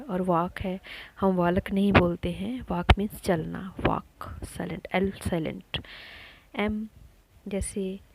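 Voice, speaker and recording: A woman explains a lesson at a slow, patient pace, repeating each word and pausing often with fillers. Her voice has a gravelly, creaky edge. The recording was made at home and has loud noise underneath. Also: mid-range voice. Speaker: teacher running an education channel. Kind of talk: slow spoken lesson on spelling.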